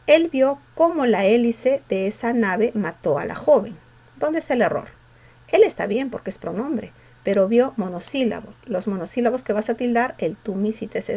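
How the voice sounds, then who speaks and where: A woman teacher going over exam questions, asking her students quick questions and answering them herself. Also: medium pitch, vocal fry, a little mellow. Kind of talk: exam review lesson.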